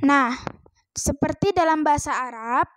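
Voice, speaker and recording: High-pitched woman teaching from a book, lots of um and eh, dry close sound. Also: moderate pace, a bit bright, no room sound. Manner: chatty and hesitant, many fillers. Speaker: self-taught language learner teaching viewers. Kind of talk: casual home lesson from a book.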